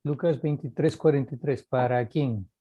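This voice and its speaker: A man's voice: mid-range voice, normal speed, husky, lo-fi sound. A man taking part in a Bible study, asking questions and arguing his point. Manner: inquisitive, argues his point.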